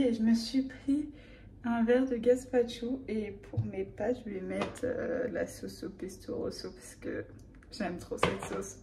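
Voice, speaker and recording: A young woman from the Paris area, a student vlogging her week in a casual, rambling way, pausing often with fillers. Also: fairly high pitch, mellow, echoey room, a little hiss or hum, low-quality recording. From Paris area, France. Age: young adult. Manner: chatty, rambling, hesitant with frequent fillers. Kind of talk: casual vlog narration.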